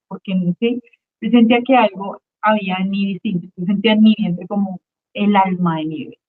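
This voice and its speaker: Appearing as a guest, a woman shares her religious testimony with earnest emotion, often repeating a phrase so it lands. She speaks at a medium pitch. The sound is narrow and tinny, as though it came over the phone.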